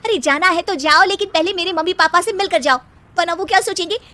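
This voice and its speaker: Woman playing a shrill, scolding young cartoon wife. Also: quick pace, bright, forceful tone. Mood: scolding, exasperated. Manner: scolding, emphatic. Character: exasperated young wife, scolding and sharp-tongued.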